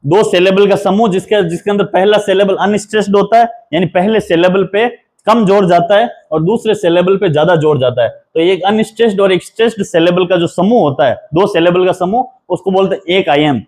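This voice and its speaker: A man delivers a patient classroom-style lecture. His voice sits high for a man, and he repeats key terms and counts out the stresses one by one. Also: a little fast, a little mellow. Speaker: assistant professor teaching English poetry. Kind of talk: lecture explaining a poem.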